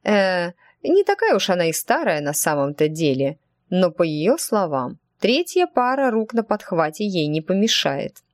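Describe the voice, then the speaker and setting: A woman voicing a fussy, talkative middle-aged witch teacher in an audiobook, gently evasive in manner. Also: lowish voice, big pitch swings, unhurried, no echo. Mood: chatty. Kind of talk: audiobook character voice.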